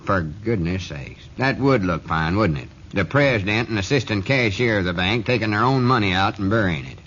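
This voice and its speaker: Lum, a bossy old storekeeper on AM radio. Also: male voice, on the low side, lively intonation, normal speed, fairly bright tone. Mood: self-assured. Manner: scolding, self-assured drawl. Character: old rural male storekeeper, bossy and sure. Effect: old AM radio broadcast sound. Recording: muffled noisy 1940s radio recording.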